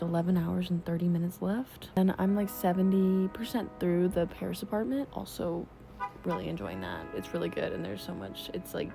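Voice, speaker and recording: A young woman vlogging casually about her reading, chatty and excitable, saying "like" a lot. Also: on the low side, creaky. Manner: chatty and excitable, heavy use of "like". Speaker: book vlogger. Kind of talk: casual vlog chat. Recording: background music under the voice.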